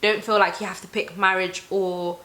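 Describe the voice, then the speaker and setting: A young woman host gives advice in a loose, chatty and encouraging manner. Her voice is bright and sharp-edged at an average female pitch. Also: little pitch movement, moderate pace, slight background noise, poor audio. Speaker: talk show host. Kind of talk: casual advice chat.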